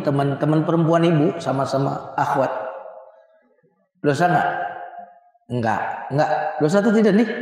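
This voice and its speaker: High-voiced man teaching in an echoey mosque hall. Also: darkish tone. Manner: conversational, often quizzes the audience. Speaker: Islamic teacher. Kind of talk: casual religious lesson. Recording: echoey hall reverb, long.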